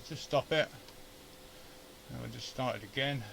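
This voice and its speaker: A man with a mid-range, gravelly voice talks a little slowly over some background noise. He's an amateur radio hobbyist and video host in his home radio shack, chatting casually and thinking out loud. It's an unscripted demonstration where he grumbles and mutters his way through troubleshooting equipment.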